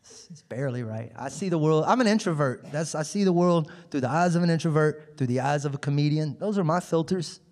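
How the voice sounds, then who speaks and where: Male stand-up comic; animated storytelling on a handheld mic with long club reverb. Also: fairly high pitch, a little fast, hardly any pauses. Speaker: stand-up comedian. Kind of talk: stand-up comedy. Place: comedy club stage.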